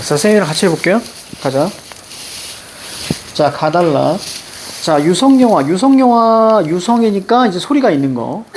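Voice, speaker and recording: This man's high-pitched voice echoes around the room over a faint hiss or hum. Leading an exam-prep reading class, he guides students through a passage with lively energy, peppering them with questions and repeating "자" again and again.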